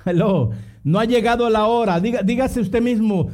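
A man's voice: high voice, moderate pace, a little mellow. A man preaching a fervent sermon, calling on his listeners to repeat phrases after him and dropping in English exclamations.

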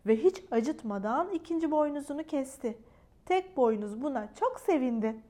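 A woman reading a children's storybook aloud in an expressive storyteller manner. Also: high-pitched, normal speed. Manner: animated, expressive.

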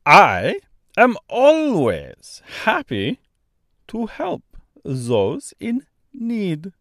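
Giant cheery stork with a thick mock Austrian-French accent. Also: male voice, high-pitched, huge pitch swings, a bit bright, dry recording, studio quality, voice pushed up, heavily acted. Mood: insistent. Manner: slow, bouncy, exaggerated delivery. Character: huge kind-hearted male stork, cheerful and pushy.

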